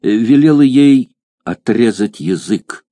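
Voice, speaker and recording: A man narrating a historical novel as an audiobook, in a measured, dramatic reading. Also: medium pitch, lively intonation, mellow, no room sound, studio quality. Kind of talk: literary narration.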